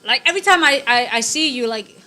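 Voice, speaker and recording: A woman co-hosting a podcast in casual chat, animated and loose with slang, quick to laugh. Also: high-pitched, rough recording. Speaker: podcast co-host. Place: graffiti-walled studio, indoors.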